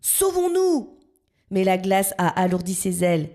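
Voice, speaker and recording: A woman narrating a children's story in a calm, even storytelling manner. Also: on the low side, moderate pace, husky.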